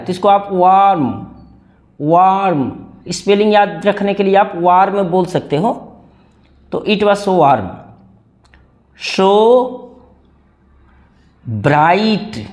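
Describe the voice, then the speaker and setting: Indian male teacher, high voice, very slow drilled reading, has class repeat each word. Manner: reads word by word, asks students to repeat. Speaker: English teacher. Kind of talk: slow read-along English lesson in Hindi.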